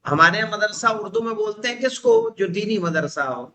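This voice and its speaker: A man whose first language is Urdu, teaching an Arabic grammar class, reading Arabic phrases slowly and translating them, with frequent check questions to students. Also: sits high, huge pitch swings, pushed and bright, rough recording. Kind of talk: classroom lesson.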